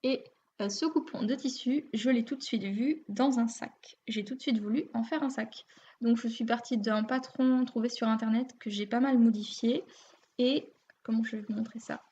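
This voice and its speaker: A woman's voice: fairly high pitch, steady tone, normal speed, dark tone, slight background noise. A woman with a French accent hosting a knitting video podcast, chatting casually and a bit self-deprecatingly, with many fillers. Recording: muffled lo-fi home recording.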